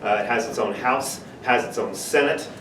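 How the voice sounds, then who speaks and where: A man's voice: medium pitch, normal speed, fairly bright tone. A man speaking informally as a teacher who introduces and questions a guest speaker. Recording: roomy echo, distant mic, clear background noise.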